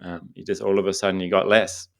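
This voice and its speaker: A man's voice: deep voice, flat delivery, quick pace, creaky. A man, a comedian co-hosting and joking in a casual podcast chat. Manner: joking, playful. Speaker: comedian co-host.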